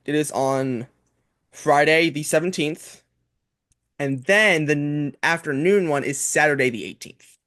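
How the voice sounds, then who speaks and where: A man with a somewhat high voice hosts a casual podcast chat. He rambles, piling up "like" and restarting his sentences. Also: unhurried, a bit bright. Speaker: podcast host.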